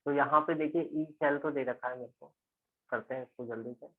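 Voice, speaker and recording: Tinny, phone-like audio with no room sound captures a man from India lecturing on chemistry. In a mid-range voice and a steady teaching tone, he works a physical chemistry problem stepwise, frequently checking whether students follow with quick questions.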